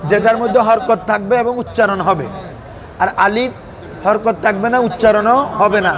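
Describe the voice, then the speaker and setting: A man teaching Arabic grammar to a class, constantly asking students questions and waiting for them to answer. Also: high voice. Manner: quizzes students with a recurring "what is it?" tag. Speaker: madrasa teacher. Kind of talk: classroom lesson with call-and-response questions.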